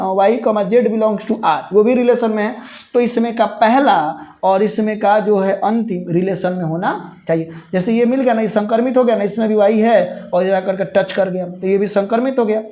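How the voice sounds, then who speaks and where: A man from India teaches a live online math class in a high-pitched, dark-toned voice. He explains slowly, step by step, repeating key terms and mixing in English words.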